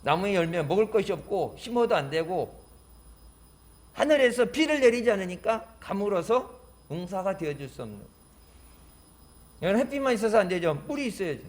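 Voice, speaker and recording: A man's voice: sits high, animated, a little fast, pauses often. A man preaching a sermon as pastor, emphatic, acting out taunts and prayers as he goes.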